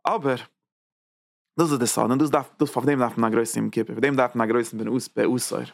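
A man teaching a Torah lecture as a rabbi, repeating phrases and checking in with quick "ja?" asides. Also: mid-range voice, steady tone, gravelly, no echo, clean studio sound. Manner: tags points with quick "ja?" checks; repeats and restarts phrases while building an idea.

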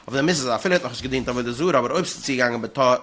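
A man in a religious law study session, reasoning aloud in a halting way and repeating words as he thinks. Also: medium pitch, a bit bright, slight background noise. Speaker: study partner. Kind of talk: religious text study discussion.

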